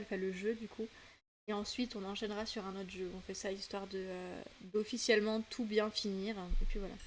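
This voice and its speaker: A woman from south-west France chats casually on a livestream as a streamer, her talk flowing loosely with many fillers and restarts. Her voice is on the high side, and slight background noise can be heard.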